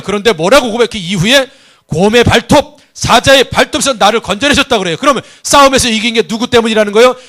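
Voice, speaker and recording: High-voiced man preaching a sermon. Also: a bit bright. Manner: emphatic, asks the congregation questions; tells a personal story with acted-out voices. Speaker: pastor.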